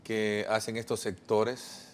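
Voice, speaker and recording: A man with a low voice hosts a formal political interview. He asks pointed questions and fills the pauses with brief affirming sounds. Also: monotone.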